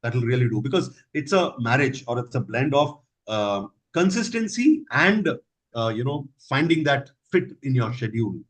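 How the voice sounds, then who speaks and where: A man's voice: medium pitch, sing-song, moderate pace, poor audio. A man answering audience questions in an online session, advising with stressed key words over a video call.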